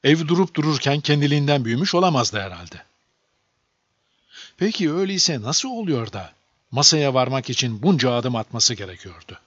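A man narrating a children's storybook aloud in a lively, expressive reading. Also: mid-range voice, normal speed, no echo. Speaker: audiobook narrator. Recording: dull lo-fi dry recording.

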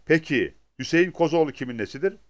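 A hard Turkish man interrogating a pimp, voiced by a man in a storybook reading. His voice comes out harsh and commanding, pitched a little higher than the narration. It is loud and lively. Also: a little fast, lightly acted. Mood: menacing.

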